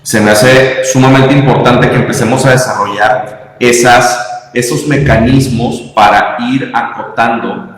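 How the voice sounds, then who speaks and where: A man's voice: medium pitch, fairly even intonation, measured pace. A man with a Mexican accent, a podcast guest explaining with emphatic, filler-heavy talk. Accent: Mexican Spanish. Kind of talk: conversational interview. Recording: echoey room with long reverb.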